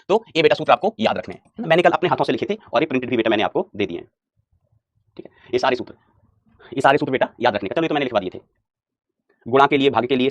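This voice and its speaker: A man's voice: on the high side, no room sound. A man teaching a live online maths class, calling students "beta" and answering his own questions. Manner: urges students on with rapid repetitions.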